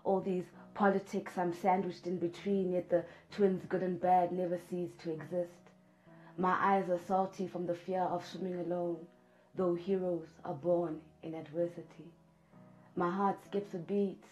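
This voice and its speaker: Woman, middle-aged, spoken word poetry, rhythmic refrains, flat pitch, soft music behind. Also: measured pace, rough recording. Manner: rhythmic, repeating refrains, rising to loud intensity. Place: studio with patterned backdrop.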